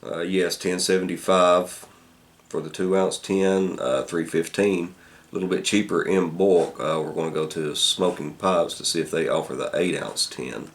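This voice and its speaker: Casting: man with a very low-pitched voice, casual reviewer, thinks aloud in halting phrases. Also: fairly even intonation. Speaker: pipe tobacco reviewer.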